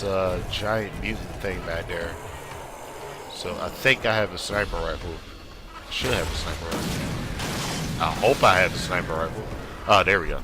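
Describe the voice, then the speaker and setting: A man giving casual, rambling gameplay commentary in an informal, slangy, conversational way, as if chatting over his own footage. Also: low-pitched. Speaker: gaming video creator doing commentary. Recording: clear background noise.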